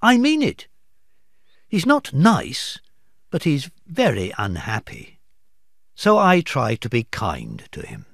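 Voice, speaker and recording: Guy voicing a cheery kind young nephew, pitch jumping all over, slow and clear, dry sound. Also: wildly swooping pitch, a bit bright, dry recording, full character voice. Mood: cheerful. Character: male kindly Cheerful nephew Fred.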